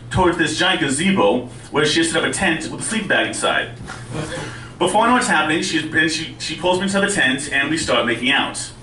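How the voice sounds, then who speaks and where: A man doing conversational, self-deprecating stand-up storytelling, with a speech impediment that softens his R's toward W. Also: on the high side. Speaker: stand-up comedian. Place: indoor live stand-up venue with audience. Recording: roomy live club, distant mic, faint noise.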